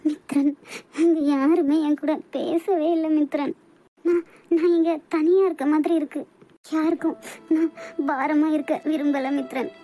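A lonely young bride with a Kanyakumari Tamil accent, voiced by a woman pleads with her husband in a homemade cartoon. The voice sits high and mellow, soft and a little tearful. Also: fairly even intonation, a little slow, soft background music. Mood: pleading. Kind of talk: hobby cartoon voice acting.

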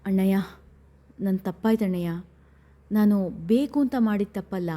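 Brief: narrator as a tearful young sister begging forgiveness in an audio story; soft, mellow tone. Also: female voice, medium pitch, a little slow, close to an everyday voice. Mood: pleading. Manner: pleading, trembling. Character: young woman, remorseful sister pleading for forgiveness.

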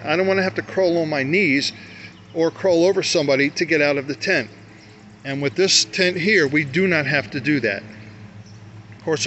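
A man's voice: fairly high pitch, fairly bright tone. An older man casually showing his camping gear to camera at a grassy campsite, talking in a folksy, rambling way and correcting himself as he goes. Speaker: motorcycle camping vlogger. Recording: dull lo-fi outdoor sound with faint noise.

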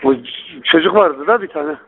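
A man's somewhat high voice comes through a landline phone, thin and boxy like a telephone tap. He talks bluntly and coarsely, pushing with pointed questions. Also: moderate pace, slight background noise. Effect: over a landline phone. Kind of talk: private phone conversation. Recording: tinny narrow phone line.

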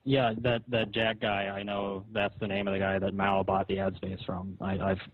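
Over a narrow, tinny phone line, a man argues his side in a casual, conciliatory manner, reasoning hesitantly. He is the caller, with a low, monotone voice at a moderate pace on a dry recording.

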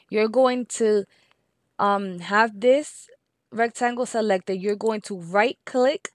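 A woman with a Spanish accent talks through a software craft tutorial step by step, slowing down to repeat each number. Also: mid-range voice, dry recording, clean studio sound. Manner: patient, repeats steps and numbers slowly.

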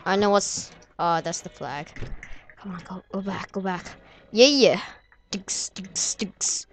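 A woman's voice: mid-range voice, background noise. A woman giving casual gameplay commentary, muttering to herself between sudden whoops and cheers. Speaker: gamer playing a physics game.

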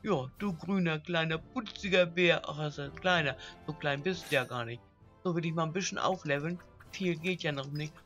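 A woman's voice: moderate pace, soft background music. Chatty woman cooing through a game. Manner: chatty, coos at game characters like pets; animated, swings from low mutter to high exclamations. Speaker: let's play host. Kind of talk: casual let's play commentary.

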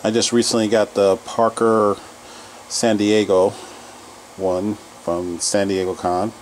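Man, low voice, unhurried, rambling basement-tour vlog narration listing items, faint room hum behind. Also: level tone, a little mellow, low-quality recording. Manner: rambling item-by-item listing with fillers. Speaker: collector giving a home tour. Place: home basement.

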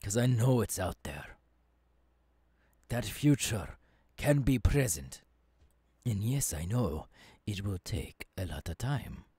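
A man playing an earnest visionary professor mentoring an apprentice in an ASMR roleplay, halting and breathy, close to the microphone. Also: fairly low pitch, expressive, warm tone, dry recording, full character voice. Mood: reassuring, fervent. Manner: slow, deliberate, halting phrases dropping into whispers. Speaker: voice actor. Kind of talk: ASMR audio roleplay, intimate second-person monologue. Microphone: close microphone, dry.

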